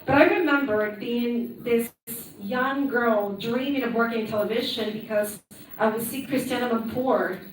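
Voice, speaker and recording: Woman, 30s, from Peru, upbeat storytelling, fairly high voice, roomy hall echo. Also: moderate pace, a little hiss or hum. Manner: chatty, upbeat, frequent "right?" asides. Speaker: conference speaker. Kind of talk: personal storytelling talk. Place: conference hall. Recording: echoey hall, mic from a distance.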